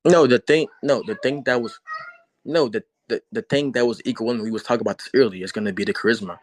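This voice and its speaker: A man's voice: mid-range voice, fast talker, no room sound, poor audio. A man arguing in a heated casual debate, repeating himself and swearing as he pushes his point.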